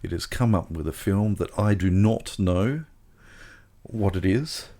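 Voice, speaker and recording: A man co-hosting a podcast in casual chat, halting with restarts and chuckles. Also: low-pitched, dark tone. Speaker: podcast co-host.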